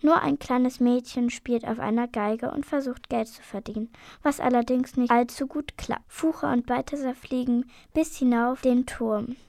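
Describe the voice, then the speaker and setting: A woman reading a children's fairy-tale story aloud in a gentle narrating manner. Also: fairly high pitch, gravelly, no room sound, studio quality.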